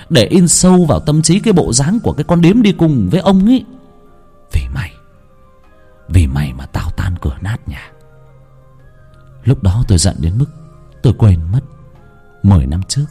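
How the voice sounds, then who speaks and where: A man's voice: medium pitch, mellow, breathy edge. A man narrating a first-person horror story in an emotional, dramatic storytelling manner.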